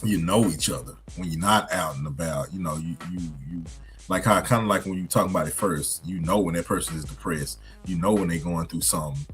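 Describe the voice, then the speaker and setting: Man, very deep voice, relaxed co-host, faint music. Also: fairly quick. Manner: easygoing, thinking aloud with fillers. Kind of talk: casual chat.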